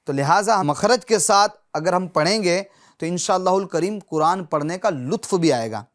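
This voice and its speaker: A man teaching Quran recitation who says each letter sound slowly and loudly, again and again, and stops often to check that his students are following. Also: sits high, lively intonation. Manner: patient, checks in often with short confirmations. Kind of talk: Urdu lesson on pronouncing Arabic letters.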